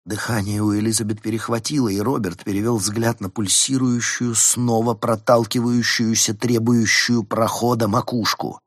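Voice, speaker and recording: A man reading an audiobook aloud in measured, dramatic scripted narration. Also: fairly low pitch, level tone, dry recording, clean studio sound. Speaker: audiobook reader.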